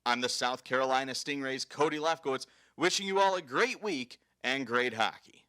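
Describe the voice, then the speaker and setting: A man hosting a hockey highlight show with scripted sports narration. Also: normal speed, bright, forceful tone.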